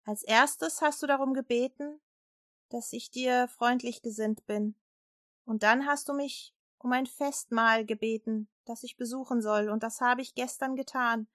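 A woman's voice: fairly high pitch, steady tone, a little slow, fairly bright tone, no room sound, clean studio sound. A woman voicing a powerful king in a storybook, speaking in grand, emphatic questions. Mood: generous. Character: mighty male king, generous, then outraged.

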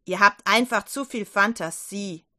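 A scoffing, skeptical disciple with a deepened, dismissive tone, put on by a woman reading a storybook aloud. He talks slowly and brushes the news aside with a bright, sharp edge. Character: skeptical grumbling male disciple.

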